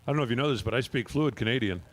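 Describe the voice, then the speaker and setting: A man's voice: mid-range voice, very fast. A man announcing drag races at the track, reading times and speeds and joking between runs. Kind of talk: drag race commentary. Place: outdoor drag strip.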